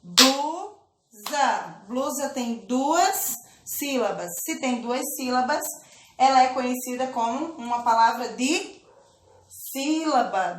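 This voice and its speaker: A woman teaching a children's lesson, speaking slowly and patiently, drawing out words and often checking in with her listeners. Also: high-pitched, roomy sound, a little hiss or hum. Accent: Brazilian Portuguese. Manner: slow, patient, drawn-out syllables with check-in questions. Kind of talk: children's lesson, clapping out syllables.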